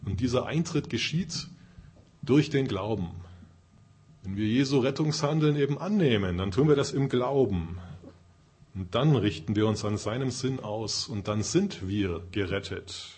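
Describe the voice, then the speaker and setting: Husky earnest male preacher. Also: mid-range voice, animated, a little mellow. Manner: measured, earnest, often fills with "eben". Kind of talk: sermon.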